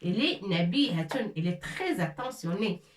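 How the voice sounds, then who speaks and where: A woman giving an Arabic grammar lesson, slowly repeating words and drilling them aloud. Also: mid-range voice, animated. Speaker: Arabic teacher. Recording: echoey room, voice from far off.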